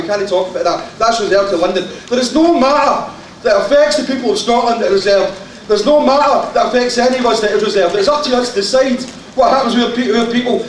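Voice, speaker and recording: Glaswegian man, impassioned floor speech, high-pitched, heard from afar in an echoing hall, faint crowd. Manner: impassioned, shouting, joking asides. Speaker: party conference delegate. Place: large conference hall. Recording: echoey hall from far off, faint crowd and hiss.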